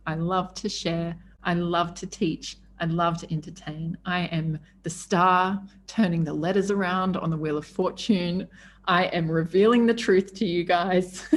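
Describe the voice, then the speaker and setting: A woman's voice: lowish voice, slight background noise. A woman hosting a podcast, speaking in a candid, effusive personal monologue with emphatic phrasing, stretching words for emphasis. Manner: effusive, emphatic, swearing freely. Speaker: podcast host.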